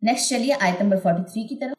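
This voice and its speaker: Woman teaching, slow drawn-out examples. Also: mid-range voice. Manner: explains rules, then drags out syllables slowly to model them. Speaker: Quran tajweed teacher. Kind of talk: recorded online lesson. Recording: roomy echo.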